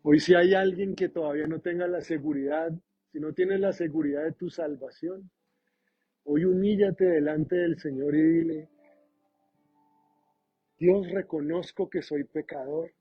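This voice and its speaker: A male pastor prays slowly and earnestly, pausing to repeat words. His voice sits a little high and has a husky edge. Soft music plays behind him on a slightly dull recording. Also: steady tone. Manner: slow, earnest prayer with pauses and repeated words. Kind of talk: closing prayer in a sermon.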